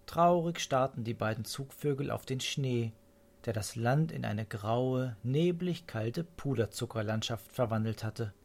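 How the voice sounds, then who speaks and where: A storyteller reading a children's story aloud in an expressive, unhurried way. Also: mid-range voice.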